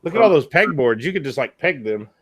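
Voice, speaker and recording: A man's voice: on the high side, big pitch swings, fast, fairly bright tone. A man teasing and joking with friends during a casual livestream group call. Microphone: video call.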